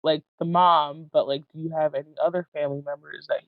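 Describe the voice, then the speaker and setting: A woman's voice: low voice, fairly even intonation, a little fast. A woman with a New York accent co-hosting a podcast, talking bluntly and profanely and laughing often. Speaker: podcast co-host. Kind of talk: casual chat. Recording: dull, dry lo-fi podcast audio.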